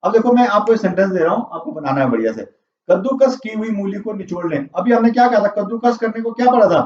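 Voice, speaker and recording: A man's voice: sits high, animated, quick pace, a little mellow. Man teaching vocabulary in a roomy classroom. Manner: quizzing and repeating answers. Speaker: English teacher. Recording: roomy, distant, dull classroom audio.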